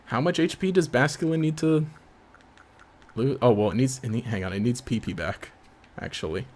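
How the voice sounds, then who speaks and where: A man's voice: mid-range voice, normal speed, darkish tone. A man casually commenting on his own gameplay during a live stream, rambling, laughing often and trailing off mid-sentence.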